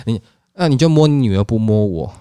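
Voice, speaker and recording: A man with a Taiwanese accent talks fast in a casual podcast chat, his pitch leaping all over as he rants. He swears freely and acts out little quotes. The close mic sounds dry. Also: lively intonation, mellow, smooth, no echo. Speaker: podcast co-host.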